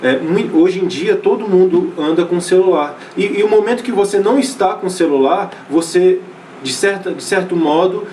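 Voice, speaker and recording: A Brazilian man with a high, slightly mellow voice teaches a sociology class online at a moderate pace, speaking loosely and conversationally in Brazilian Portuguese-accented speech. He uses lots of fillers, often restarts phrases, and checks in with his students. The recorded lecture is poor quality, captured from a distance with slight background noise.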